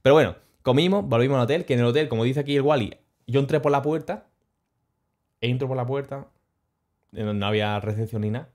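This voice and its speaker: A man telling a travel story on his stream in a casual, animated, slangy way, chuckling as he goes. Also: medium pitch, quick pace, pauses often.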